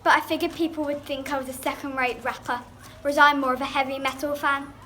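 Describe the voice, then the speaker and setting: A female performer playing a pompous virus supervillain in a school play, gloating with slow theatrical menace. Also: high voice, fairly even intonation, bright, forceful tone. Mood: menacing, boastful. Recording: echoey, noisy school hall recording.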